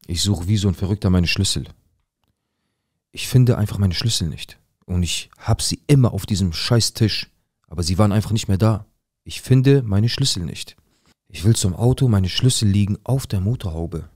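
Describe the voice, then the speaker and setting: A young man acting out a rough-talking, paranoid drug dealer who tells his own story in a dramatic monologue full of slang and swearing. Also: fairly low pitch, darkish tone, dry recording, clean studio sound. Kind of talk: dramatic first-person monologue.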